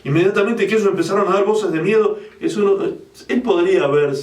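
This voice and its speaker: A man's voice: sits high, fast talker, roomy sound, distant mic. A male pastor preaching a sermon with drama. He acts out the Bible characters and often asks his listeners if they follow. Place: church hall.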